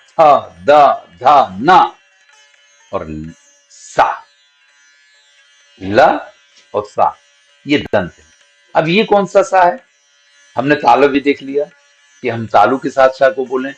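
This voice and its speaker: A man teaching Sanskrit grammar, patiently explaining and sounding out each syllable slowly as an example. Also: mid-range voice. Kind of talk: spoken grammar lesson. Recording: dull lo-fi audio with faint background music.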